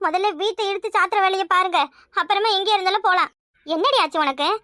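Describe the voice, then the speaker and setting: A woman voicing a bossy, scheming village mother in a cartoon, with a Kanyakumari Tamil accent, scolding loudly and doting in turns. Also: extremely high pitch, fast talker, no room sound, studio quality. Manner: loud, scolding yet doting.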